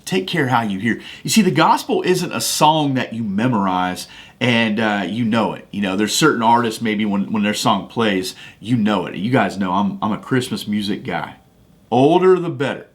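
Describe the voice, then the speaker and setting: A man's voice: on the low side, expressive, moderate pace. A man hosting a podcast, talking casually about faith and telling a personal story in a folksy, conversational way with frequent restarts. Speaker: podcast host. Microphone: studio microphone.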